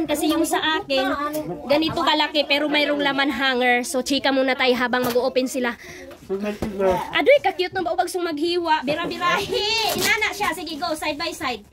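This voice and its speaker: Excitable woman vlogger amid a noisy crowd. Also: high-pitched. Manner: exclaims constantly, addresses viewers as friends. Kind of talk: excited unboxing vlog. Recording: loud crowd of people around.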